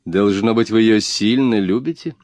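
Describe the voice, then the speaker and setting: A man reading as a calm, teasing young woman. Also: lowish voice, moderate pace, no room sound. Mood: playful. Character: calm, bold young woman, playful and kind. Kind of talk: audiobook reading.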